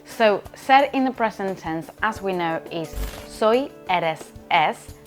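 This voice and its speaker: A woman's voice: medium pitch, expressive, takes it slowly, faint music behind. A woman from Spain, a language teacher explaining grammar in an online lesson, often checking in with "okay?". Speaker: Spanish teacher.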